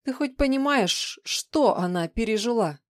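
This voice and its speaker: A woman's voice: on the high side, animated, a little slow, no echo, studio quality, pitched above the performer's own voice. A woman voicing a volatile young woman's vicious, mocking alter ego in an audiobook reading, snarling and hurling insults. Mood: furious.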